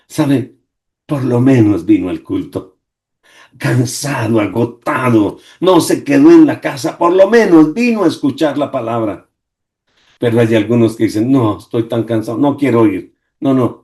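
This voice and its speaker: A man's voice: on the high side, mellow. A man preaching a devotional sermon over a video call, dramatic, with rhetorical questions and swinging emphasis. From Colombia.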